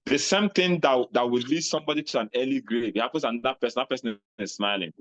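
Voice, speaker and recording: A man with a Nigerian accent giving a motivational talk, animated, acting out little scenes in a raised voice. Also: mid-range voice, fast talker, no echo, rough recording. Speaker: speaker on personal finance.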